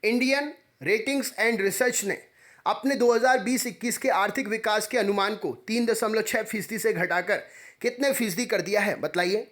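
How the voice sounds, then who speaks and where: This sounds like a coaching teacher voicing exam quiz items close to the mic. His high, light, fairly bright voice moves briskly, repeating the same quiz wording for every question.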